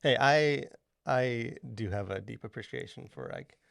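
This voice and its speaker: A male podcast host speaks at a medium pitch and an unhurried pace, his gravelly voice slightly bright and clean with no echo and a dry, close sound. He's enthusiastic but hesitant, filling his casual podcast chat with lots of filler hesitations.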